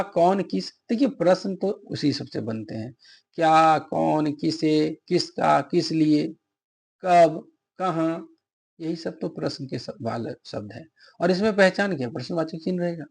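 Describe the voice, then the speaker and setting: A man's voice: on the high side, vocal fry, darkish tone. A middle-aged man teaching a grammar lesson for exam preparation, explaining patiently with spoken examples and asking and answering his own questions. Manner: asks viewers to subscribe and comment.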